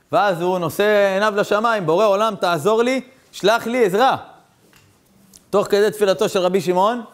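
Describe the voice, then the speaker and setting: Animated high-voiced man preaching. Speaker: rabbi. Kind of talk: storytelling sermon.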